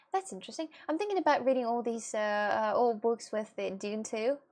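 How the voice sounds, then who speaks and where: With a slightly high voice of darkish tone, a young Russian streamer makes casual conversation with viewers. Her first language is Russian, so her English comes out halting and chatty, dotted with fillers and giggles.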